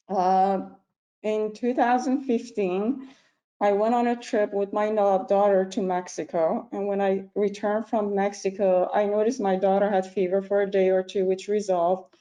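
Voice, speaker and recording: A middle-aged woman from Iran, a physician, giving an earnest personal talk over a video call, pausing often with ums. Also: mid-range voice, steady tone, mellow, highs cut off. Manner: earnest, halting with frequent ums. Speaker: physician speaker.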